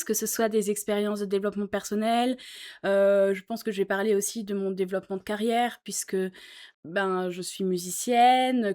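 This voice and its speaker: A woman musician and YouTuber sits on a sofa in her small office, chatting casually and earnestly to the camera. She comes across as thoughtful and uses many fillers, and her medium-pitched voice is a little mellow.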